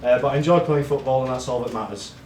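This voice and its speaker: A man giving a self-deprecating speech to his friends in a monotone voice, with frequent ums. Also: medium pitch, quick pace. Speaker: award speech giver among friends. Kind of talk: casual speech read to friends. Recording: echoey room with faint noise.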